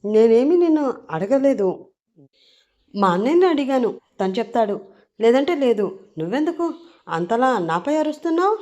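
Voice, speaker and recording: A fiery young sister shouts down two brawling men, her voice high, loud and indignant, as a woman storyteller puts her on. It is an audio story reading with plenty of scolding in every line. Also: normal speed, dull audio, natural voice.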